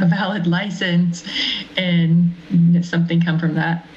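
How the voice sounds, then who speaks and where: A woman's voice: on the low side, little pitch movement, measured pace, a little mellow, muffled recording, slight background noise. A woman board member asking questions at a meeting, uncertain and conversational.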